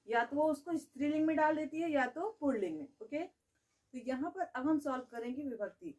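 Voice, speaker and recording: A woman's voice: high voice, a little mellow, recorded from a distance, rough recording. A woman teaching a grammar lesson. She keeps asking the class questions and answering them herself, and she says "okay" often.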